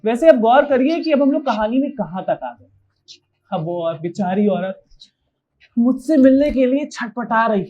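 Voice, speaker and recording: A woman's voice: on the high side, lively intonation, measured pace, dark tone, dull audio. A woman playing a ruthless male seducer in a stage play, who gloats in sly asides to the audience. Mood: sly gloating.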